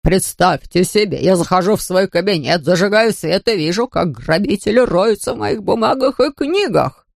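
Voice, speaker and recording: Woman putting on a slow gravelly old gent, frail and easily rattled, storybook voice, dry sound. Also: mid-range voice, lively intonation, no room sound. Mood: alarmed. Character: flustered frail old gentleman, easily alarmed.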